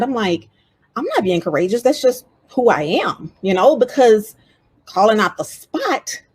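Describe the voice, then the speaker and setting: A woman with a Southern US accent giving a lively, conversational motivational talk as a DEI speaker and author. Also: medium pitch.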